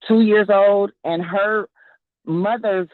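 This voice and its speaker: A man tells a family story in a calm, measured way. His voice sits a little high. It comes through a dry, tinny phone line. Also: dry recording.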